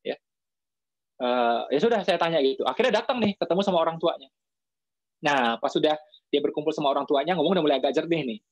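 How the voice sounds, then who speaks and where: A man preaching in a casual storytelling style to a live audience, chatty, with lots of filler tags and lively quoted dialogue. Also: a little high, fast, pauses often, dry recording, dull audio.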